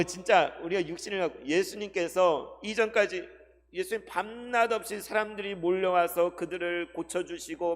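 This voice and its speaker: A male pastor giving a Sunday sermon, asking the congregation questions and swinging between loud and hushed delivery. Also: high-pitched. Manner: addresses the congregation with rhetorical questions; dramatic shifts between loud and soft delivery. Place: church sanctuary. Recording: long hall reverb.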